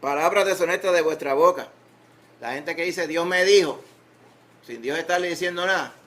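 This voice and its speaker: A man's voice: a little high, a little fast, fairly bright tone. A man with a Puerto Rican accent preaching a sermon in church, conversational, with humor and rhetorical questions. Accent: Puerto Rican Spanish. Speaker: pastor. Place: church sanctuary.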